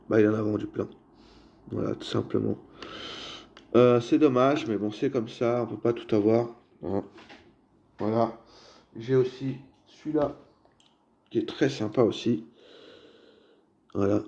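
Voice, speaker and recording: A man's voice: on the low side, mellow, highs cut off. A man casually showing and describing his flea-market toy car finds to viewers, chatty and full of fillers. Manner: chatty, filler-heavy, addresses viewers as "les gars". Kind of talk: casual show-and-tell vlog.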